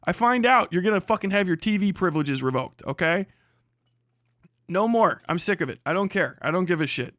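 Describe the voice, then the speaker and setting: A livestream host with a high, fairly bright voice rants casually at a brisk, animated clip. He's blunt and hectoring, swears heavily, and mocks others in put-on voices. The studio sound is clean with no echo.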